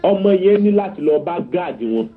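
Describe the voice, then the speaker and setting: A man with a high, animated voice and a Yoruba accent speaks fairly quickly as a guest on parenting, delivering an earnest teaching talk over faint music. He shares anecdotes and keeps asking his listener to confirm they're following. The sound is narrow, like a phone line.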